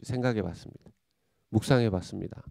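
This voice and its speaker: A middle-aged pastor preaching a sermon, telling a Bible story and acting out the cries and thoughts of its figures, often rising to a loud voice. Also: male voice, on the low side, quick pace, gravelly, no room sound, studio quality.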